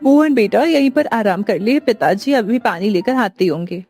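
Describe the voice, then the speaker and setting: A woman playing a gentle young village mother. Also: fairly high pitch, lively intonation, normal speed, faint music behind. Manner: soft, reassuring.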